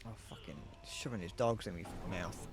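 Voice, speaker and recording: A young man streams a game and chats casually in a low voice at normal speed, with soft music behind him. His talk rambles and pokes fun at himself, and his sentences keep trailing off.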